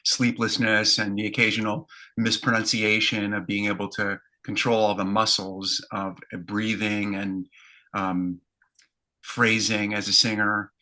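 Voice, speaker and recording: A man in his fifties with a low voice and a bright, forceful tone. He tells his stage stories in an easy, conversational way, reflective and detailed, pausing on fillers as he thinks. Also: level tone. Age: 50s. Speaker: interview guest, stage performer. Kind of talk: conversational storytelling.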